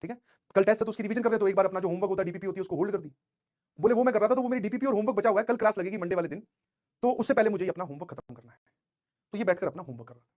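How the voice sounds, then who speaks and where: A young man teaching a class of exam students, telling a motivational story in an animated way, with English phrases mixed in. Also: high-pitched, rapid-fire. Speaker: coaching teacher.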